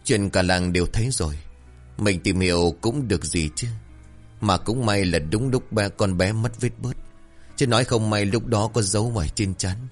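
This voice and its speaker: A steady middle-aged village father, as a man reads him in a spoken folk tale. He answers in a low, calm, reassuring voice. Soft music hums behind. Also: moderate pace, lightly acted.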